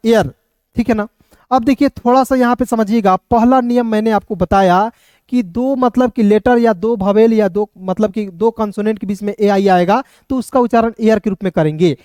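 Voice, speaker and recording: A man teaching English reading to viewers. He spells words out letter by letter, drills each one slowly and keeps asking his friends in the audience questions. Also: high-pitched, a little mellow, clean tone, dry recording, studio quality. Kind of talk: spoken phonics lesson for Hindi speakers.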